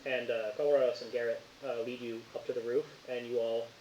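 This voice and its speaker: A man's voice: mid-range voice, little pitch movement, quick pace, a little mellow. A man narrating as game master of a tabletop game, rambling with many fillers. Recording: echoey, muffled, faint hiss.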